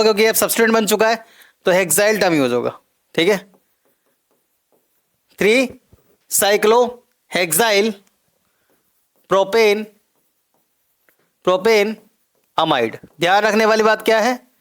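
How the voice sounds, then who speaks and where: A male chemistry teacher with a notably high voice talks through a recorded lecture. He builds each point step by step, repeats the key terms and keeps checking that his students follow.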